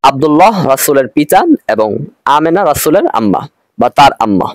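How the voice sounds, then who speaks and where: A man with a Bangladeshi Bengali accent gives an online Arabic grammar lesson, patiently repeating himself and slowing down for every Arabic phrase. His voice is mid-range with a sing-song lilt, and there's no echo.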